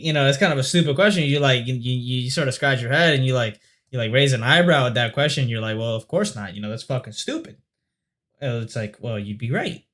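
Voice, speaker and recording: A man's voice: mid-range voice, fairly bright tone. A man hosting a reaction channel, musing aloud in a loose, rambling way with fillers and the odd swear word. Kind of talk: casual reaction commentary.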